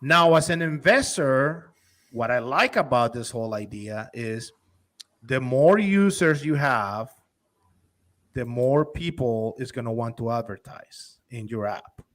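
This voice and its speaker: A man's voice: mid-range voice, expressive, measured pace, a bit bright. A man from Honduras, an investor and company executive, talking eagerly and persuasively in a casual interview, often restarting his sentences.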